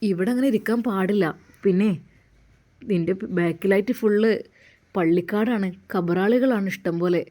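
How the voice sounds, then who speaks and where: A kindly young male cleric speaks in a lowered, gentle voice, as a woman narrator puts him on. He asks soft, concerned questions and stays calm and caring. This is a told Malayalam-style storybook reading done by one voice. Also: normal speed, lightly acted.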